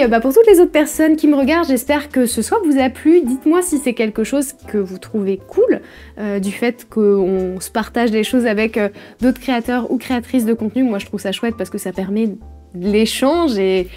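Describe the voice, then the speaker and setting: A young woman in a casual unboxing vlog, enthusiastic and quick to giggle. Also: high-pitched, mellow. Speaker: vlogger.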